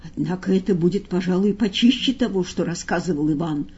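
A woman doing a soft, hesitant weary man. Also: sits high, animated, measured pace, slightly rough, dull audio, exaggerated voice. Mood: subdued. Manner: soft, subdued, murmuring. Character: weary gentle man, a former writer.

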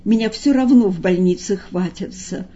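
A woman reading aloud and voicing a weary, gentle man who talks softly and hesitantly. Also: high voice, normal speed, highs cut off. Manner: soft, subdued, murmuring.

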